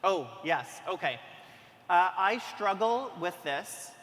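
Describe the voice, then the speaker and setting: A physician speaking on a conference panel, chatty and acting out quoted dialogue, recorded in a reverberant hall. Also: male voice, high-pitched, animated, slow, fairly bright tone. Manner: conversational, acts out quoted dialogue. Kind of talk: panel discussion. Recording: reverberant hall with faint noise.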